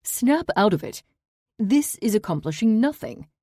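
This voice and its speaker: A woman's voice: medium pitch, sing-song, measured pace, warm tone, no room sound, clean studio sound, voice pushed up. Woman voicing a blunt shapeshifting male familiar. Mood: firm. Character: terse male shapeshifter, owl or cat.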